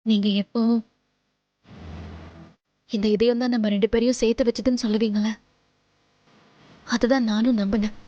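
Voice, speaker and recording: Actress as Bharathi, tearful young wife. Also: female voice, a little high, steady tone, moderate pace, pauses often, mellow, lo-fi sound, natural voice. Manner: tearful, pleading. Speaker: actress in a TV serial. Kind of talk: TV serial acting.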